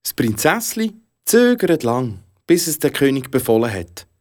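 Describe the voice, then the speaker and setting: Animated Swiss German storyteller. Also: medium pitch, a little slow. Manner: expressive, animated. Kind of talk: fairy tale narration.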